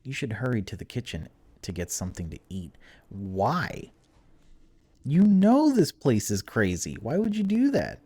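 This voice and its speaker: A mellow, slightly breathy male voice at medium pitch, swinging widely up and down and moving a little slowly. He hosts a gaming video, a casual let's play, reading the on-screen story text aloud and tossing in his own informal reactions between passages.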